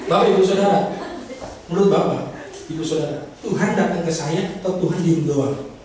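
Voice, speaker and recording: A man's voice: on the high side, normal speed, crowd noise. A man preaching to a congregation, acting out a pleading sinner in a dramatic sermon illustration. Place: church hall. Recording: echoey church hall from far off.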